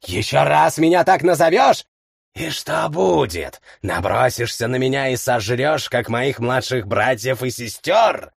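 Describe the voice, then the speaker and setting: A man doing a gravelly, mocking rat woman. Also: medium pitch, lively intonation, a little slow, dry recording, clean studio sound, heavily acted. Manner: mocking, snapping. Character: sharp-tongued rat woman hiding twin daggers.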